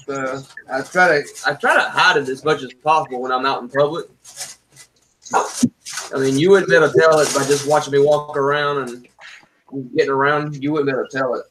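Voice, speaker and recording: A man's voice: mid-range voice, fairly even intonation, a little fast, a bit bright, slight background noise, low-quality recording. A man hosting a casual live stream, talking in an easygoing, plain-spoken way. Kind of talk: casual chat.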